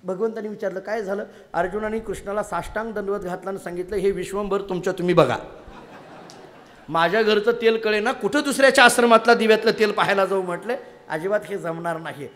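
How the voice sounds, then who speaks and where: A man giving a devotional discourse in Marathi, telling a story with playful, animated delivery, acting out the dialogue and rising suddenly in loudness. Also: high voice, fast. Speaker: kirtan preacher.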